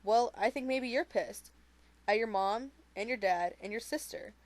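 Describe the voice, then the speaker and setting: A weak, tired teenage girl in treatment, voiced by a woman reading aloud. She speaks gently and hesitantly. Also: a little high, a little slow, lightly acted. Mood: gentle.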